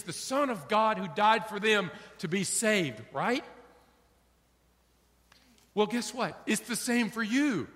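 A middle-aged man preaches with a bright, ringing voice, pitched a little high for a man. His sermon is animated, slipping into acted-out exchanges. A long reverb trails each phrase, as in a church sanctuary. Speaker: pastor.

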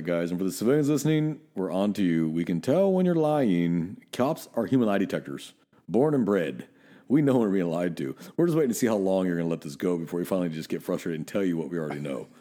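A man's voice: deep voice, dark tone. A middle-aged man from Northern California, a police officer co-hosting a podcast, telling blunt, profane stories in casual chat.

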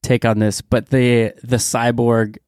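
A man's voice: medium pitch, flat delivery, slow, a little mellow, smooth, no echo, clean studio sound. Enthusiastic rambling man on a podcast. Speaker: podcast co-host. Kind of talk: casual chat.

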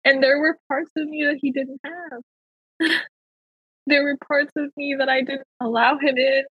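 A woman talking as a podcast guest, sharing a personal faith testimony in an earnest way and slowing down to stress key phrases. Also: high voice, fairly even intonation, dry recording, lo-fi sound.

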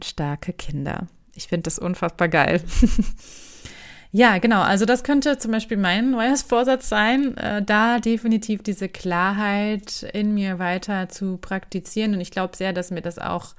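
A woman, hosting her own podcast as a voice coach in a relaxed, chatty way with frequent fillers. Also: lowish voice, smooth. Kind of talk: casual solo podcast talk.

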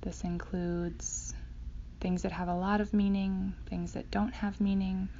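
A woman leading a guided meditation in a slow, hypnotic, soothing manner with long pauses, her voice going breathy at phrase ends. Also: mid-range voice, level tone, mellow. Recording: dull sound, faint background noise.

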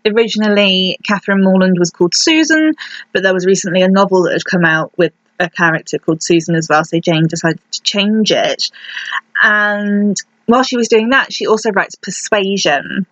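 A woman's voice: mid-range voice, moderate pace, a bit bright, no echo. A woman hosting a podcast, telling history in a casual, chatty way with wry asides. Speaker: podcast host. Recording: dull, dry lo-fi sound.

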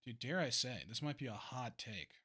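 Male co-host, average pitch, casual and slangy, emphatic delivery. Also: normal speed, bright, forceful tone, husky. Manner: slangy, emphatic dude-talk. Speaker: podcast co-host. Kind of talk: casual chat.

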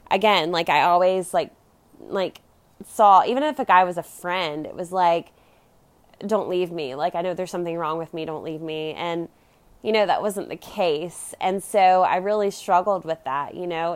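A young American woman speaks in a Valley Girl accent with lilting uptalk. Her voice is smooth and clear, sitting a little low for a woman. She tells personal stories casually, in a confessional style full of conversational filler. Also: no room sound. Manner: conversational, peppered with "like" and "you know". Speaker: podcast host.

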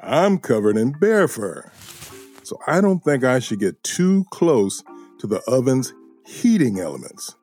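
Guy doing a calm patient bear buddy, talks slow, kids show. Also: medium pitch, faint music behind. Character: gentle male bear friend, patient teacher.

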